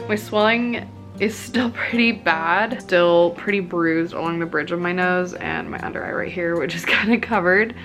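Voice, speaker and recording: A woman's voice: fairly low pitch, normal speed, fairly bright tone, faint music behind. A young woman vlogger chatting casually to camera, with a stuffy, congested nasal voice from a blocked nose after surgery. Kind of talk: casual recovery vlog talk to camera.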